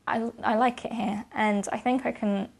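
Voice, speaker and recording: A woman's voice: on the high side, steady tone, moderate pace, creaky, slightly rough. A young woman, a student, giving casual interview answers. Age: young adult.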